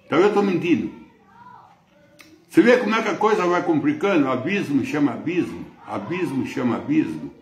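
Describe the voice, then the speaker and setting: A man's voice: fairly high pitch, big pitch swings, brisk, reverberant, a little hiss or hum. A man with a Brazilian accent preaching a sermon as pastor, emphatic and repetitive. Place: church.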